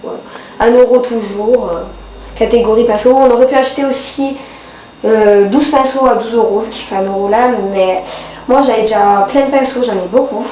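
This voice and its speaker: This beauty vlogger, a teenager or young adult, has a cold that leaves her voice congested and nasal with a sore throat as she casually reviews products. She talks at a normal speed in a slightly high voice. The recording is dull and roomy, with faint background noise.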